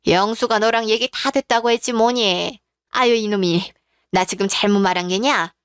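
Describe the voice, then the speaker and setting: A woman's voice: medium pitch, normal speed, clear, resonant tone, dry recording, studio quality, natural voice. A woman doing a chatty, fretting mother-in-law.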